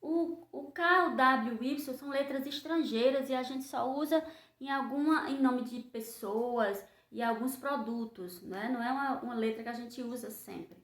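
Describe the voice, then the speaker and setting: A woman teacher, giving a children's phonics lesson and sounding out letters slowly in a sing-song way. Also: high voice. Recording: echoey room.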